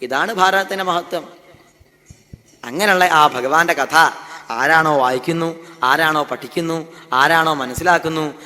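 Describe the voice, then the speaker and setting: A man's voice: fairly high pitch, bright, forceful tone. A man giving a devotional discourse, asking rhetorical questions and answering them himself. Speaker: Bhagavatam speaker. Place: festival hall. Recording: long hall reverb.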